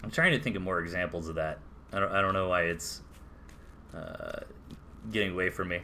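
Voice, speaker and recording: A man's voice: deep voice, very animated, fairly quick, vocal fry, pushed and bright, slight background noise. A man with a Southern US accent casting a strategy game match live, chatty play-by-play with casual asides. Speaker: esports caster.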